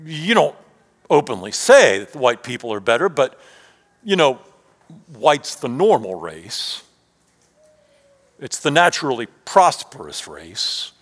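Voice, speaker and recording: A man preaching a sermon, asking rhetorical questions and dropping his voice low at times. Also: sing-song, a little slow, pauses often, a bit bright. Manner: rhetorical questions, rising and dropping to near whisper. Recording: long hall reverb.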